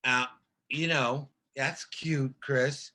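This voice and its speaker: An older man talks as a guest on a casual podcast, his voice bright and forceful. He rambles and stumbles through his stories, restarting sentences and circling back on himself. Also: mid-range voice, steady tone. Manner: rambling, halting storyteller with many restarts. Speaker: guest actor.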